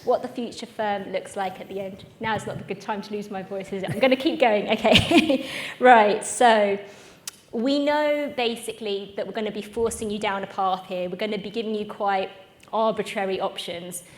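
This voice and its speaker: A woman's voice: medium pitch, moderate pace. A woman hosting a live conference session, chatty and self-mocking. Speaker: event host. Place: conference room with live audience.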